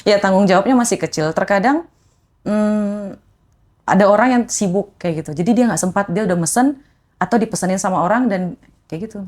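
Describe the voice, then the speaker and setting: Speaking at a fairly quick clip with a medium-pitched voice, a female guest shares emotional personal stories in casual talk. She's animated and re-enacts the voices of those she quotes.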